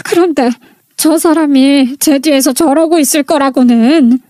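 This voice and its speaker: A woman's voice: high-pitched, a little slow, mellow, dry recording, studio quality. A woman narrating a first-person family drama story in a confiding, dramatic way.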